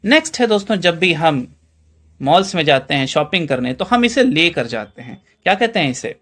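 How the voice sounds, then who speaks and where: Indian man, Hindi accent, high-pitched voice, chatty teacher, asks rhetorical questions. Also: very animated, moderate pace, fairly bright tone. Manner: quizzes the viewer with rhetorical questions; addresses listeners as friends, chatty. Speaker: English teacher. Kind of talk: classroom-style explainer lesson.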